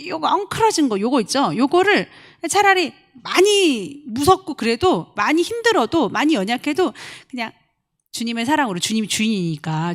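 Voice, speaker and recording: Animated woman preaching a lively sermon. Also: a little high. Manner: animated, acts out quoted voices, jumps from loud to soft. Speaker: pastor. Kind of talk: lively sermon with acted-out examples.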